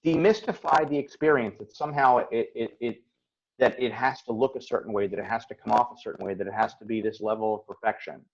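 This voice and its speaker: Gravelly, husky man coaching on a call. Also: medium pitch, fairly even intonation, quick pace, lo-fi sound. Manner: earnest, reflective, acts out his own inner voice. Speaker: host and coach. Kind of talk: casual motivational talk on a call.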